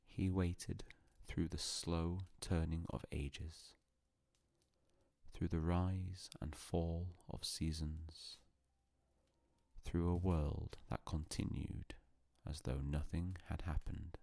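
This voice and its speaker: A man narrating a calm bedtime story in a hushed, solemn, unhurried way with long pauses. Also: a bass voice, vocal fry, no room sound.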